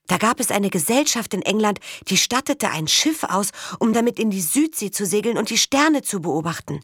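A woman voicing a gentle young farm girl who speaks softly and eagerly, lifted higher than her own voice. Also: breathy edge, no room sound, studio quality, lightly acted. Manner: soft, eager.

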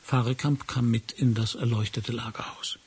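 A man reading a first-person crime story aloud, measured and dropping to a hush at tense moments. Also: medium pitch, fairly even intonation, a little hiss or hum. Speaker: audiobook narrator.

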